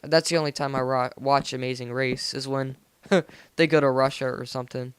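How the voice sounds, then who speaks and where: Clean and echo-free, the recording captures an American teen boy with a steady, mid-range voice speaking at normal speed. He offers casual, rambling, slang-heavy commentary on a game, recorded indoors as a voice-over after playing.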